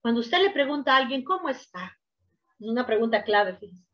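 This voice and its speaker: A woman preacher delivering a sermon, emphatic, swinging from hushed to loud, on a dull lo-fi recording. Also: on the high side, fast talker.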